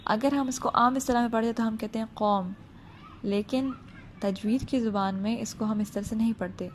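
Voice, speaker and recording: A woman with a fairly high, even-toned voice teaches tajweed in a Quran recitation lesson, with slight hiss or hum in the audio. She recites slowly with drawn-out sounds, then explains pronunciation plainly and patiently, step by step, often checking that the listener is following.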